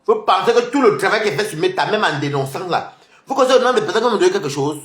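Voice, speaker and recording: A man delivering a confrontational online rant, taunting and mocking his rivals, repeating himself and swinging between loud outbursts and low mutters. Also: lively intonation, racing. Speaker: social media commentator. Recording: echoey room.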